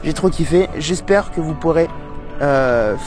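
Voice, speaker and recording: A man's voice: on the high side, a little slow. A young man narrating a travel photography vlog in a casual way, with informal youth slang. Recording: music behind the voice. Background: music.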